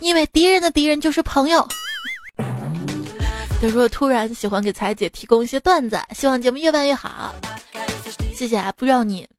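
A woman's voice: high-pitched, animated, a little fast, long pauses. A woman radio host reading listener-submitted jokes in a chatty way, often laughing at them, recorded on a studio mic. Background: faint background music.

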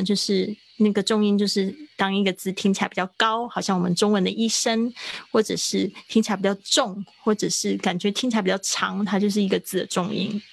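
Speaking in a mid-range voice touched with vocal fry, a woman in her thirties gives a conversational English lesson on a livestream. She breaks explanations into steps and slows down to sound words out, with no echo present.

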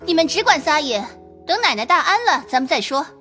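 A woman voicing a quick-witted young maid who scolds the servants and then coaxes her young mistress in an audio drama. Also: high voice, very animated, pushed and bright, soft background music, full character voice. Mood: coaxing. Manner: scolding, then coaxing with a smile. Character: quick-witted young maid, sharp-tongued yet tactful.

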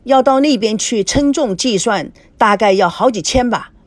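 A woman's voice: a little high, animated, normal speed, no echo, pitched above the performer's own voice. A woman voicing a courteous young airport counter clerk. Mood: polite.

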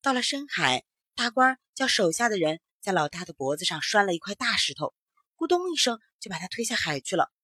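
A woman's voice: medium pitch, sing-song, fairly quick, pushed and bright, slightly rough, dry recording, clean studio sound. A woman narrating a children's story expressively, acting out sounds as she goes.

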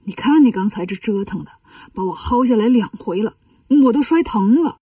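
A woman's voice: fairly high pitch, lively intonation, normal speed, warm tone, husky, no room sound, distant mic. A woman doing a stern, fussy old monk master. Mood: scolding.

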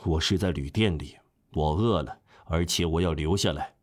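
A man voicing a weary, hungry male traveler who is stubborn and proud, speaking low and quietly insistent in an audiobook. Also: moderate pace, slightly rough. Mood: defiant. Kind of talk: audiobook character reading.

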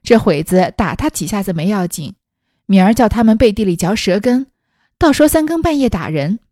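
Lady doing a soft-spoken loyal maid, coaxing and soothing, warm mellow tone, dry sound. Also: medium pitch, expressive, moderate pace, dry recording, natural voice. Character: gentle loyal young female maid.

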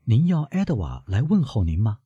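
A man's voice: mid-range voice, big pitch swings, moderate pace, warm tone, husky, no room sound, lo-fi sound, voice pushed up. A man voicing a cool, formal aristocratic wife who speaks with stiff politeness. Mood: cold politeness.

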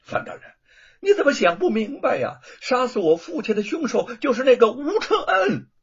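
A wailing young man in mourning, vengeful and pushy, as a storyteller puts him on, crying out his accusations in a high, swooping, raspy voice. The recording is dull and lo-fi. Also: sing-song, unhurried, exaggerated voice. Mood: accusing. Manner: loud wailing, accusing shouts.

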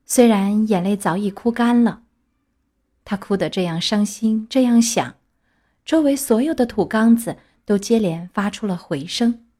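A woman narrating a children's story in a steady, expressive reading voice. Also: mid-range voice, unhurried. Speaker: audiobook reader. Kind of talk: scripted narration.

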